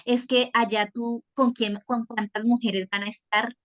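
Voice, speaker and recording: A woman voicing a jealous young woman who pleads with her partner in rapid questions, as part of a lesson story. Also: a little high, flat delivery, dull audio, close to an everyday voice. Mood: pleading.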